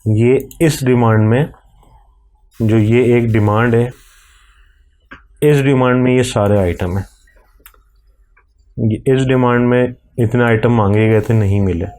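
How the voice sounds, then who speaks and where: A man with a Pakistani accent guides a software screen recording, explaining each click in a slow, step-by-step way. His voice sits at an ordinary pitch with a dark, mellow tone. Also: fairly even intonation. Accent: Urdu-Hindi speaking, Pakistani. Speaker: software tutorial presenter.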